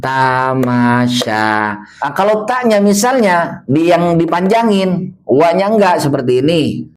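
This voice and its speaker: A man teaching a beginner Quran reading lesson, asking questions and answering them himself, and drawing words out slowly when he models the recitation. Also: high voice, expressive, darkish tone.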